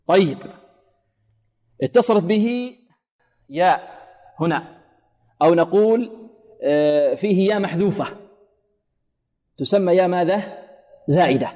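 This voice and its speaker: A man teaching Quran recitation in a radio lesson, explaining letter sounds, often asking his listeners rhetorical questions and chanting words slowly to demonstrate them. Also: fairly high pitch, a little mellow, long reverb tail.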